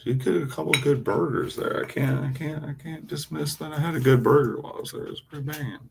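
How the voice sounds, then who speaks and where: A man chatting on a casual livestream, telling a rowdy story, cursing constantly, with loud animated outbursts when quoting himself. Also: on the high side, fast, vocal fry, slight background noise. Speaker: live streamer. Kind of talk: casual rambling livestream chat.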